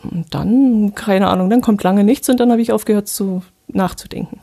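A woman's voice: medium pitch, normal speed, creaky, warm tone. A woman from the Allgäu chatting casually in neutral standard German, hesitant and thinking aloud. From Allgäu, Bavaria. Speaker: conversation partner. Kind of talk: casual chat.

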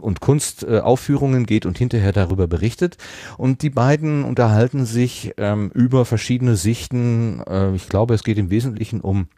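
A man's voice: on the low side, mellow, no room sound, clean studio sound. A man hosting a casual podcast chat, talkative, with many fillers and easy laughs. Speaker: podcast host.

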